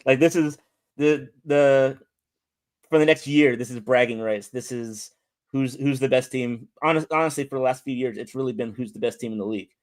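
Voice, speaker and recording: American man, mid-pitched, halting casual talker. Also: fairly even intonation, a little mellow. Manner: halting, repeats words while thinking. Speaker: podcast guest, soccer fan. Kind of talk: casual interview chat.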